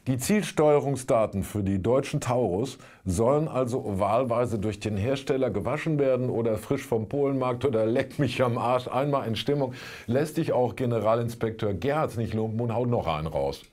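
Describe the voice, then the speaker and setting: Here the satirical show's presenter, a commentator in his 60s, works through scripted political commentary from an indoor studio desk. He is sardonic and colloquial, speaking at a normal speed in a mid-range, slightly mellow voice.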